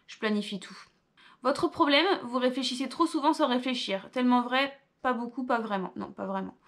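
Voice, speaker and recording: A woman's voice: on the high side, fairly quick, fairly bright tone. Chatty young woman vlogger. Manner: reads questions then answers with offhand asides. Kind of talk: casual vlog, reading quiz questions aloud.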